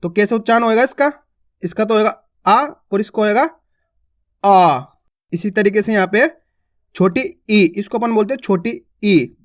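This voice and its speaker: A man teaching beginners to read, in a patient, colloquial way, stretching out and repeating each vowel sound. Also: high voice. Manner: patient, repetitive, drawn-out vowel drills; addresses viewers as friends, colloquial. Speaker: Hindi teacher. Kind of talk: beginner alphabet lesson.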